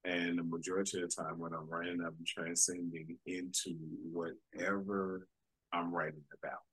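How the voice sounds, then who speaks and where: A man's voice: sits low, flat delivery, moderate pace, a bit bright, husky, dry recording, poor audio. A man hosting a casual conversation, earnest and enthusiastic, often answering with short affirmations.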